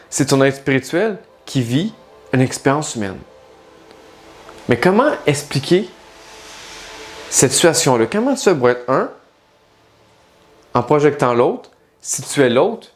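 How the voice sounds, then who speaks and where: Man coaching the listener directly. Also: medium pitch. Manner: talks straight to the listener, asks many rhetorical questions. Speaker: life coach and spiritual guide. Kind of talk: casual direct-to-camera monologue.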